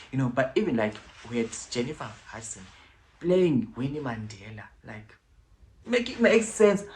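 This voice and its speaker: A man hosting a casual commentary vlog, chatty and digressive, with frequent hushed, whispered asides. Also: mid-range voice, slight background noise, rough recording. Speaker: vlogger.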